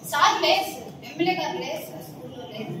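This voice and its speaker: A woman's voice: high voice, animated, rapid-fire. A woman making an indignant, pleading appeal to reporters, repeatedly addressing them as sir. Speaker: complainant speaking to the press. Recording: echoey, distant mic, noisy surroundings.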